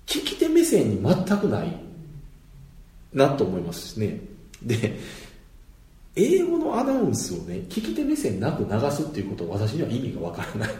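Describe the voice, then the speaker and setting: A man with a Kansai accent holds forth in a relaxed, explanatory monologue, chuckling often between points. His voice is mellow and dark yet swings widely in pitch. The recording carries a noticeable room echo. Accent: Kansai Japanese. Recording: roomy echo.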